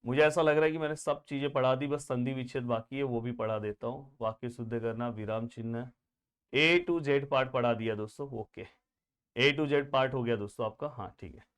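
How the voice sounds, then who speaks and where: A man's voice: medium pitch, normal speed, smooth. A man teaching grammar for board exams in a chatty way. He keeps calling the students friends and asks and answers his own imagined student questions. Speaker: Hindi grammar tutor. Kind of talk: exam-prep lesson.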